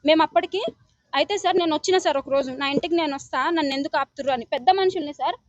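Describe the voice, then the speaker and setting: High, fast-talking young woman. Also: no echo, muffled recording. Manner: urgent, pleading, repeatedly addressing the listener as sir. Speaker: complainant interviewed by news reporter. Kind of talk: emotional testimony to a reporter.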